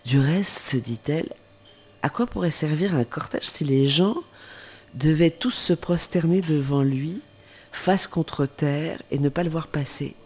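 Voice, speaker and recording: A man's voice: mid-range voice, darkish tone. A man reading a children's book aloud, with casual asides and corrections. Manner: informal asides and self-corrections while reading. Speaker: reader.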